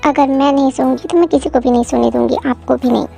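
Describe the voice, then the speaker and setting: Brief: woman plays clingy newlywed wife, pleading and teasing, audio drama, high-pitched. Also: fairly even intonation, fast, vocal fry, warm tone, soft background music. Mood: whiny teasing. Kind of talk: Hindi fan audio drama.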